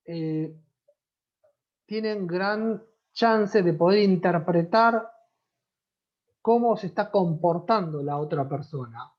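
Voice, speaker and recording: Lively Rioplatense teacher on a video call. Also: medium pitch. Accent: Rioplatense Spanish. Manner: conversational, checks in often with listeners. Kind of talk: online class lecture. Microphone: computer mic on a video call. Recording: dull lo-fi video-call audio.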